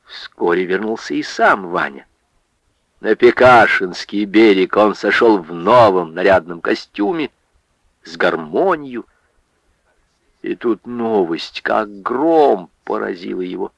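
A man narrating a literary story for radio in a measured, expressive way. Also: fairly low pitch, creaky, no room sound, low-quality recording.

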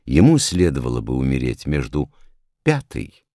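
A man reading satirical prose aloud as narrator, in a measured, ironic storytelling manner. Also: extremely low pitch, huge pitch swings, warm tone, no room sound, clean studio sound.

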